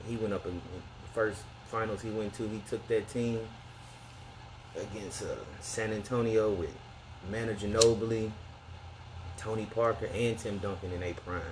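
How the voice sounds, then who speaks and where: An American man with a low-pitched voice gives a casual, opinionated rant. His talk is slangy and conversational, with emphatic points. Noticeable steady noise sits behind him. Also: moderate pace.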